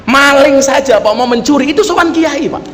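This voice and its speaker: Male preacher, high voice, comic storyteller who keeps addressing the crowd; long hall reverb, faint noise behind. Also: moderate pace, fairly bright tone. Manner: joking storyteller, often turning to the audience with "Pak". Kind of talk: humorous sermon. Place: public gathering with local officials.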